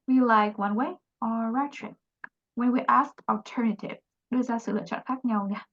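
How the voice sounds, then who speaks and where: A woman's voice: a little high, muffled recording. A woman teaching an English lesson, patiently explaining and repeating example phrases.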